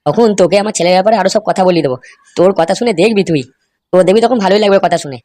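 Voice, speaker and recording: A woman voicing men in a crude comic cartoon, talking in rapid, coarse, scolding banter. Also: medium pitch, mellow, no room sound.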